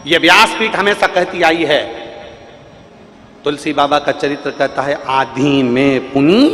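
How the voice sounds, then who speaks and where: Man preaching a sermon, drives his points home by repeating them, big echoey venue, soft music under it. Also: on the high side. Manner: repetitive emphatic exhortation. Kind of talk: devotional sermon with singing. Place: large outdoor religious gathering.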